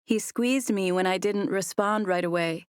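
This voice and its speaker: A woman narrating a first-person romance audiobook in a soft, even storytelling voice on a close mic. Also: medium pitch, moderate pace, smooth, no echo.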